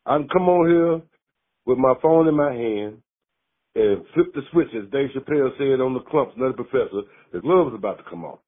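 A man's voice: mid-range voice, expressive, normal speed, breathy edge. A man from Mississippi, calling in to a sports show and ranting angrily, swearing hard. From Mississippi, USA. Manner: angry, profane, fired-up ranting. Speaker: caller. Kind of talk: call-in sports rant. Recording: phone line.

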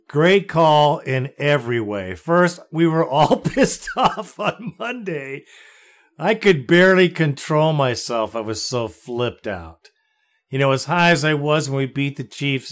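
An American man hosting a sports fan podcast, talking in a blunt, exasperated, slangy way. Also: fairly high pitch. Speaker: podcast host.

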